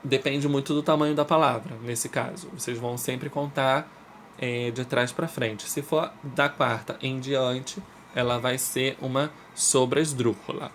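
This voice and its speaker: A man's voice: mid-range voice, steady tone, measured pace, fairly bright tone, slight background noise. A man who is a native Portuguese speaker, teaching a recorded Spanish review lesson to schoolchildren. He explains step by step, checks in with "ok?" after each point, and stretches out the example words to stress them.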